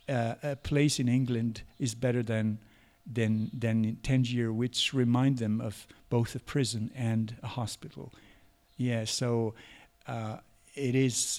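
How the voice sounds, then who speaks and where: A man giving scholarly interview answers in a halting, deliberate manner, searching for words. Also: medium pitch, a little mellow. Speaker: interview guest, historian.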